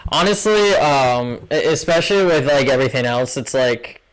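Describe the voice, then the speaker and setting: A man's voice: mid-range voice, animated, moderate pace, clear, resonant tone, low-quality recording. A man, co-hosting a casual podcast and rambling with lots of filler words. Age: 20s. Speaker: podcast co-host. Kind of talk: casual chat.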